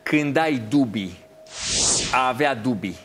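A middle-aged Romanian man hosting a quiz show, coaxing and teasing the contestant in an animated way. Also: medium pitch, loud music behind the voice. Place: TV studio.

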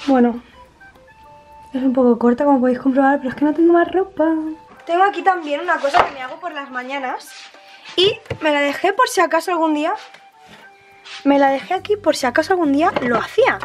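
High-voiced young Spanish woman vlogging. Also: brisk. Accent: Spain Spanish. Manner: chatty and exclamatory. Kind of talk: casual chat to camera. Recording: very echoey room, faint music.

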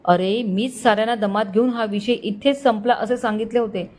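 A woman's voice: on the high side, moderate pace, a little mellow, lightly acted. A woman voicing a proud, blunt young male student in a spoken story. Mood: stern. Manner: firm, blunt.

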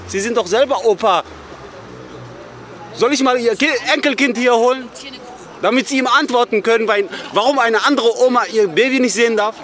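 A man protesting outdoors at a memorial, shouting repeated accusing questions at an official in an angry street confrontation. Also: extremely high pitch, a little hiss or hum.

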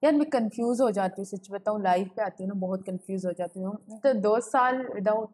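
A woman's voice: mid-range voice, a little fast, darkish tone. Young female streamer, giggly and chatty, casual home webcam chat. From Pakistan. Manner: giggly, chatty, greets viewers and reads chat aloud. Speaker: gaming livestreamer. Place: home room with a ring light. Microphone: webcam setup.

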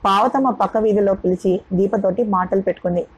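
A woman narrating an audio novel in a steady storytelling cadence. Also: mid-range voice, brisk, slightly rough, no echo, dull audio.

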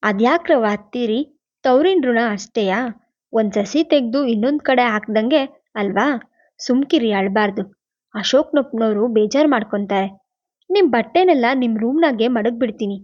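A talkative older village maid, as a woman narrator puts her on, spilling household gossip in rustic dialect. Her voice sits fairly high, and the recording sounds somewhat dull. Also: animated, moderate pace, a little mellow. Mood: consoling. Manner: rustic dialect, chatty and confiding.

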